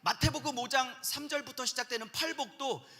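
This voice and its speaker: A man's voice: very high-pitched, fairly quick, sharp tone, in a large hall. A man preaching a sermon-style lecture at a pastors' seminar in a large church, leading call-and-response with the congregation on a handheld microphone.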